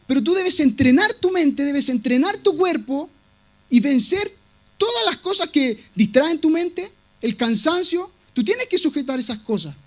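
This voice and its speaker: A man preaching a sermon in a strikingly high voice. He is emphatic and insistent, circling back to the same words to drive each point home. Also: expressive, measured pace, a bit bright. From Latin America. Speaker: pastor.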